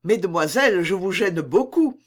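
A woman's voice: lowish voice, animated, normal speed. A woman doing a shy young nobleman. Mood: courteous. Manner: courteous, hesitant.

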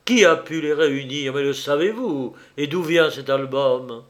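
A man's voice: fairly high pitch, measured pace, lightly acted. A man reading as an agitated young army captain. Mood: astonished. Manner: urgent, insistent questioning. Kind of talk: audiobook character voice.

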